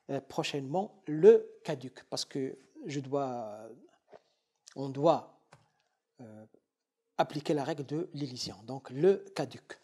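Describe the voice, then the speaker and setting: A male university professor gives a lecture at an unhurried pace. His voice is slightly husky and his pitch moves lively from high to low. He goes through the material deliberately, breaking words into syllables and repeating each example.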